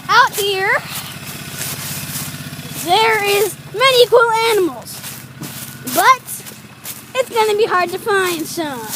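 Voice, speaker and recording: A young girl hosting a playful mock nature documentary, narrating in an improvised, chatty way. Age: child. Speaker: host of a homemade nature documentary. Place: outdoors on a moving vehicle on a woodland trail. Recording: very noisy outdoors with vehicle engine rumble.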